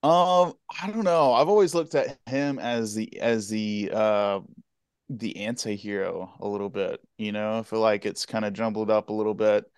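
Easygoing young man, smooth voice. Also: on the low side, steady tone, no room sound, studio quality. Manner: easygoing, halting, self-interrupting. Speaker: guest Twitch streamer and cosplayer. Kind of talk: casual interview chat.

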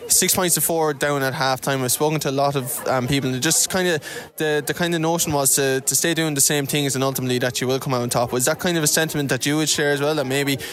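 A man's voice: a little high, steady tone, quick pace, few pauses, fairly bright tone. A man with an Irish accent conducting a post-match interview as a sports reporter. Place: outdoors at a sports ground.

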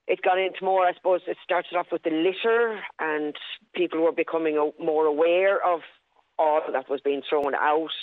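A woman's voice: low voice, no echo. A woman in her sixties with a west of Ireland accent, reminiscing in an interview over the phone. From Galway, west of Ireland. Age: 60s. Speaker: primary school teacher. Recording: tinny phone line.

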